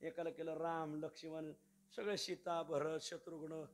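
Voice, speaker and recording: A man preaching a devotional story in a sermon, lively and repeatedly addressing his listeners as Maharaj. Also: a little high, a little slow. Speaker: kirtan preacher. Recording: musical accompaniment behind voice.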